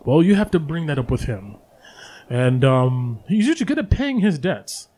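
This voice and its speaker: A man's voice: on the high side, sing-song, moderate pace, mellow. A man voicing Volo, a talkative, fussy traveling writer who rambles with theatrical asides. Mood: earnest. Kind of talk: tabletop game voice acting.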